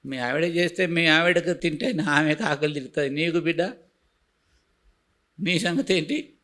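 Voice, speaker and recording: A man preaching a sermon as pastor, with emphatic repeated refrains that drop to a soft, pleading hush. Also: fairly high pitch, normal speed.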